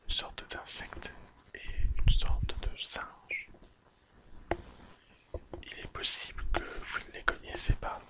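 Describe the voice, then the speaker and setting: Whispering slowly with long pauses over poor audio, an ASMR creator carefully reads through an episode recap. Mistakes are followed by apologies and corrections.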